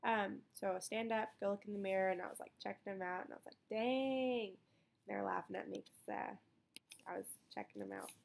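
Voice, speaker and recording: A young woman chats informally as if to followers of her vlog. Her mid-pitched voice has noticeable creak and fry. She rambles in an everyday way, dropping in "like" as she goes. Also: little pitch movement, quick pace, a little hiss or hum. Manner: rambling, informal, with frequent "like" asides. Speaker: vlogger recovering from surgery. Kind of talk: casual chat vlog.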